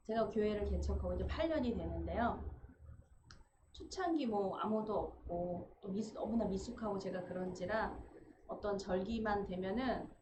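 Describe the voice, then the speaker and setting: A woman pastor giving a Sunday sermon, telling a personal story in a chatty way and putting questions to the congregation. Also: medium pitch. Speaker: pastor, church founder. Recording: roomy, dull, noisy church recording.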